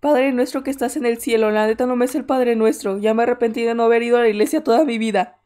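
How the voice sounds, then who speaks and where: A young woman gaming streamer talks fast in a warm, slightly high voice while commenting on a horror game. She's full of jittery, scared exclamations and chatty asides.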